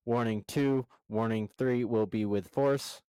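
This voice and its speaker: A stern security robot voice , as a man playing game master puts it on, delivering slow, measured, flat warnings. The tone is smooth and clear, and the recording is dry and close, with no room sound. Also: medium pitch, no room sound, lightly acted.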